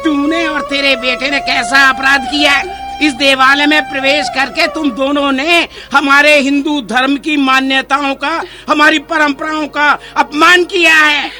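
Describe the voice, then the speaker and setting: A man plays a haughty temple priest with a very high, piercing, bright voice, all contempt and commands. The scene is a staged street play, with faint music behind him. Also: little pitch movement, unhurried, hardly any pauses, exaggerated voice. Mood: contemptuous. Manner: contemptuous, commanding, tuts in disgust.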